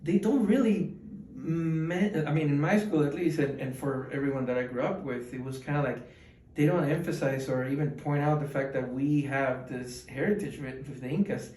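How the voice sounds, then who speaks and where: A man in his twenties from Ecuador answers interview questions casually and ramblingly, with plenty of fillers and restarts. His voice is fairly high pitched, moderately paced, and a little mellow. The mic sits at a distance in an echoey room.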